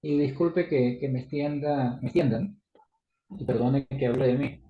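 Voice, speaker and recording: A man's voice: mid-range voice, normal speed, echoey room, highs cut off. A man preaching on a Bible passage in a conversational way, full of restarts and tag questions, acting out little dialogues. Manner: acts out dialogue in shifting voices. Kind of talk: Bible study sermon.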